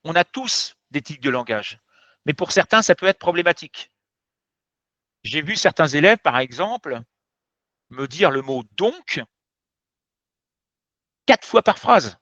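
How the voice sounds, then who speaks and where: A man's voice: on the high side, sing-song, measured pace, pauses often, a bit bright, no room sound. A man teaching as a French teacher, giving an explanatory lesson in a direct, emphatic way that speaks straight to viewers. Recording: dull, slightly muffled sound.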